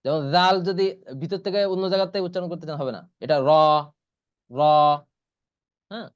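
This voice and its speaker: A man with a fairly high voice teaches an online class. He says each letter slowly and repeats it several times, patient and steady. The audio is dry and dull, as if heard through an online call. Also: dry recording. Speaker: Quran teacher. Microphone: computer or headset mic in an online class.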